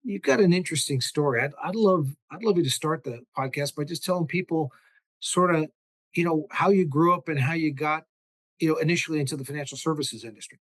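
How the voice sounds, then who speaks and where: Chatty man with a higher voice, rambling. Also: brisk, dry recording. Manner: rambling, many restarts and you-knows. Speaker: podcast host. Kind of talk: casual interview.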